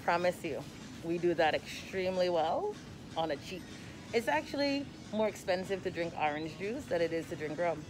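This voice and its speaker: A woman's voice: lowish voice, big pitch swings, normal speed, over music. A woman in her thirties with a Crucian accent from the US Virgin Islands, vlogging casually into a phone held at arm's length. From St. Croix, US Virgin Islands. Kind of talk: casual vlog chat. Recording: noisy handheld phone recording.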